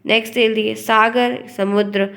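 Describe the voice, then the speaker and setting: A woman's voice: on the high side, little pitch movement, measured pace, vocal fry, a bit bright. Hindi woman teacher drilling pronunciation. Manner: explains and repeats words to stress correct pronunciation. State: unwell. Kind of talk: online exam-prep lesson.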